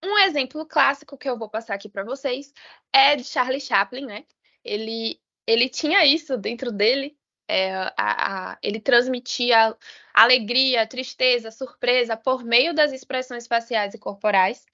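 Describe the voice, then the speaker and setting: A high, bright-voiced woman with a Brazilian Portuguese accent lectures a live online sign language class. She explains step by step, often checking in with a questioning tag and correcting herself mid-phrase. Her voice comes through dull, lo-fi video call audio. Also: unhurried. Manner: explanatory, frequent "né?" tags and self-corrections.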